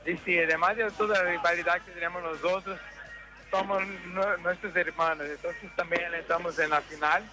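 A man from Brazil speaking Spanish with a Brazilian Portuguese accent, halting and searching for words in a street interview. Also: high voice, steady tone, over music, rough recording.

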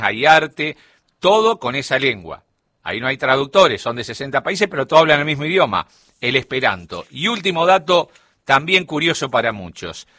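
In a studio conversation, a radio columnist explains a subject in storytelling fashion. He's a middle-aged man with a Rioplatense Spanish accent, and his mid-range voice comes across bright and forceful, recorded without any room sound.

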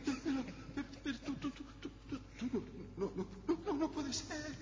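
Un actor que interpreta a un tendero avaro y aterrado que tartamudea y gimotea en un drama cómico teatral. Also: male voice, high-pitched, wildly swooping pitch, measured pace, full character voice. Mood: terrified, whimpering. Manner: stammering, whimpering, nervous. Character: terrified miserly male shopkeeper, cowardly and flustered. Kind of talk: theatrical comic drama acting. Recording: echoey hall, long reverb, noisy lo-fi.

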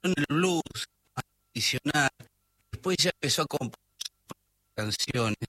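This Buenos Aires radio co-host, using a Rioplatense Spanish accent, introduces music in loose on-air banter, halting and trailing off mid-sentence with his voice off form. It sounds fairly high, bright and expressive. The close, dry recording is low in quality.

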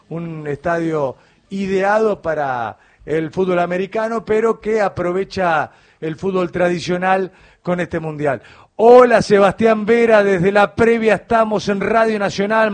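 High-voiced Argentine radio host. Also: male voice. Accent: Argentine Spanish. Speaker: radio sports show host. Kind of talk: live radio sports broadcast.

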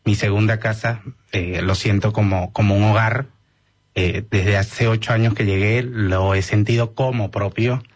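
Venezuelan man in his 30s, lowish voice, measured talk full of hesitations, radio broadcast sound. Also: steady tone. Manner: measured, with many "eh" fillers. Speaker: guest, doctor. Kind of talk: radio interview.

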